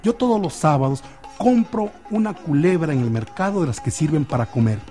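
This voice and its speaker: Crafty snake charmer guy hustling a crowd, dark mellow tone, as a storyteller puts him on. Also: on the high side, expressive, brisk, soft background music, lightly acted. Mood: sly. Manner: theatrical, pleading barker's patter. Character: crafty showman snake charmer, grown man.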